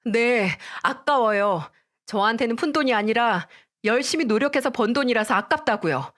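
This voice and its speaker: A woman's voice: on the high side, animated, normal speed, fairly bright tone, voice pushed up. A fed-up young wife who talks back defiantly, her voice raised and swinging widely, as a woman acts her out. It is a dramatized story read aloud. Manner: defiant, retorting.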